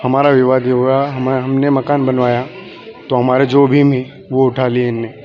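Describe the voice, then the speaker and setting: Halting village man, muffled. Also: medium pitch, little pitch movement, soft background music. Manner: halting, repeats himself. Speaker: injured villager interviewed. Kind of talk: interview. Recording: muffled lo-fi sound.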